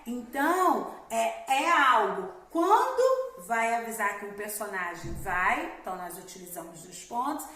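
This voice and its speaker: A woman's voice: fairly high pitch, fairly bright tone, recorded from a distance. A woman primary school teacher giving a recorded grammar lesson, explaining step by step and often checking in with the class. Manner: explains step by step with frequent "né?" and "galerinha". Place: room at home. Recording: very echoey room, voice set back from the mic.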